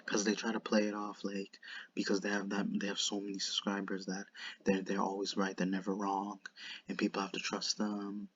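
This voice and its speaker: A man with a lisp and whistling s sounds gives unscripted commentary in a halting, repetitive way, circling back over his phrases. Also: fairly low pitch, monotone, slightly rough, highs cut off. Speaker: online commentator.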